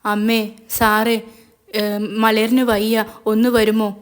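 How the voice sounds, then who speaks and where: A woman's voice: a little high, monotone, slow pace, clean tone. A woman voicing an anxious young mother who is pleading and fearful for her sick daughter. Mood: worried pleading. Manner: pleading, worried.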